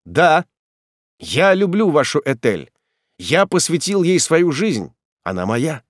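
A man's voice: medium pitch, big pitch swings, normal speed, no room sound, studio quality, lightly acted. A man voicing an earnest young nobleman in love, speaking with emphatic pleading in an audiobook. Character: young nobleman, ardent devoted suitor.

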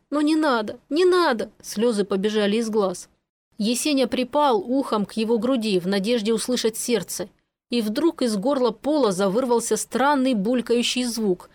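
A woman reading an adventure audiobook aloud with steady, vivid storytelling. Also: fairly high pitch, moderate pace, no echo. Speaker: narrator. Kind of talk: audiobook narration.

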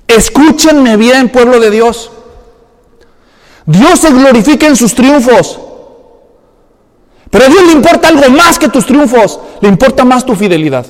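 A man preaches a sermon and slips into dramatized, colloquial voices for the people in the story. His voice sits high for a man, and a long hall reverb trails behind every phrase. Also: expressive, a little slow, long pauses. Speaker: pastor.

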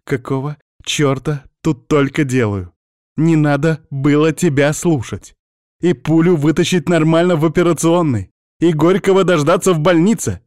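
A man's voice: fairly low pitch, lively intonation, quick pace, hardly any pauses, dry recording, studio quality, close to an everyday voice. A man voicing a stern, tearful woman witch healer in an audiobook, curt and snapping. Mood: shouting. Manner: curt, snapping, edging on hysteria. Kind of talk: audiobook character voice.

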